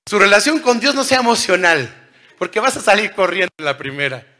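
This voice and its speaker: A man in his thirties delivers a sermon in a high, bright voice. He jumps from loud, stretched calls to hushed asides and keeps putting questions to his listeners. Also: sing-song, fairly quick. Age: 30s. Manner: dramatic swings between loud calls and hushed lines; asks the congregation questions. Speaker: preacher.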